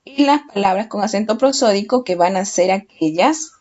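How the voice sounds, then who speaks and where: A woman teaching children, speaking slowly and patiently, asking questions and then answering them herself. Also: mid-range voice, expressive, darkish tone. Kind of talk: children's lesson. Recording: dull lo-fi recording.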